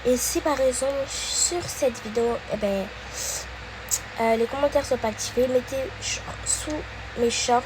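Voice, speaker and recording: A woman hosting her own video, chatting casually to viewers in a slow, hesitant way with many fillers. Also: on the high side, noisy background. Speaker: channel host.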